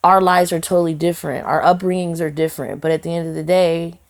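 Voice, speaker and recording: A woman singer and songwriter is interviewed in a relaxed podcast conversation. Her voice sits low and has a gravelly edge. She speaks earnestly from the heart, with lots of "you know" fillers and restarts. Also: fast talker.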